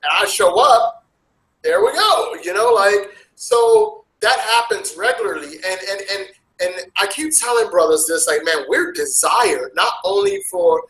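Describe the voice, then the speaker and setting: A man with an American accent, talking casually as an interview guest, animated and jumping sharply in pitch. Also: measured pace, roomy sound, low-quality recording. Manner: animated, with big jumps in pitch. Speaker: interview guest, travel vlogger. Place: Asia.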